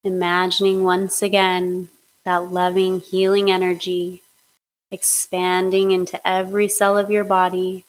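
Female hypnotist, low-pitched and very even, soothing guided induction. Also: rough recording. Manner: slow, soothing, monotone guidance.

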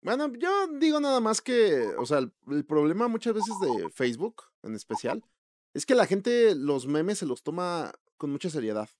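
A young man with a Mexican Spanish accent co-hosting a casual movie chat, slangy and animated, acting out quoted reactions. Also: sits high, moderate pace, no room sound, studio quality. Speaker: podcast co-host.

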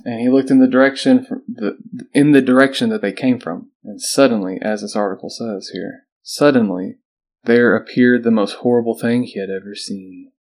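Brief: male podcast host, mid-pitched, reads a creepy story aloud with wry asides. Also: fairly even intonation, normal speed, darkish tone. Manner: reads an article aloud, breaking off for joking asides. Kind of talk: casual podcast chat, reading a story aloud.

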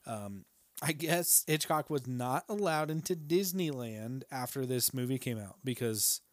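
Male podcast co-host, relaxed and profane, talks in a dry, close sound, mid-pitched. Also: unhurried, dry recording. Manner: laid-back, swears often, says "dude" a lot; laughs often between remarks. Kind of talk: casual film-discussion chat.

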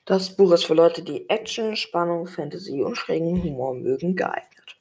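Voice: mid-range voice, animated, moderate pace, darkish tone, slightly rough. A reader presenting a book and its author, reading aloud plainly with occasional slips.

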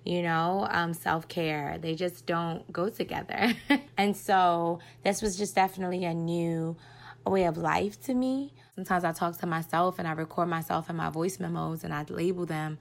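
A woman's voice: on the low side, fairly even intonation, normal speed, creaky. A woman in her thirties recording a heartfelt voice note as a podcast listener, talking reflectively about her own healing. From United States. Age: 30s. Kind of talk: voice note message.

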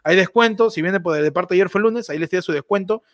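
A man hosting a podcast, joking excitedly and laughing as he plugs a friend's channel. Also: high voice, fast, dry recording, studio quality. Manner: excitable, laughing, playfully mock-amazed. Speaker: podcast host. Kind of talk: joking podcast banter with live promotion.

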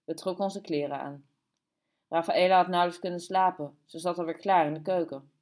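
Woman audiobook narrator, lowish voice, calm and steady. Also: brisk. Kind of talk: scripted narration.

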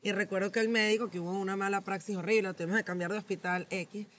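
A woman's voice: mid-range voice, fairly even intonation, quick pace, a bit bright. A woman co-hosting a podcast, talking reflectively about a personal memory in casual chat. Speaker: podcast co-host.

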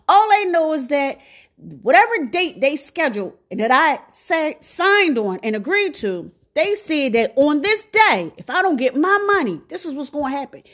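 A woman's voice: very high voice, fairly bright tone. A woman talking straight to her viewers in a blunt, sassy rant full of slang. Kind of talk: casual monologue to viewers.

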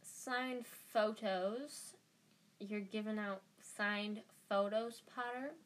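A woman voicing a scathing, smug schoolboy bully in a storybook, with sneering, drawn-out mockery. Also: medium pitch, steady tone, lightly acted.

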